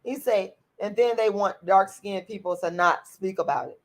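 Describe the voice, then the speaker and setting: Hosting a livestream, this woman goes through viewer comments and responds with frank, foul-mouthed bluntness, saying the same things over and over. Her raspy voice sits at a medium pitch and moves at a moderate pace, and she comes across as outspoken.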